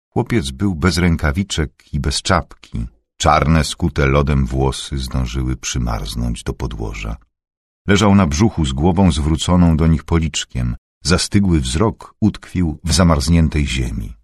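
Very deep, husky male audiobook narrator. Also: dry recording, studio quality. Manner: measured, even storytelling.

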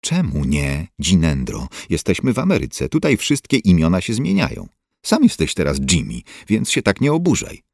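A man's voice: low voice, huge pitch swings, normal speed, creaky, no room sound, studio quality, full character voice. A man voicing a stubborn, bossy old mother. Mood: scolding. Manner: scolding, dismissive.

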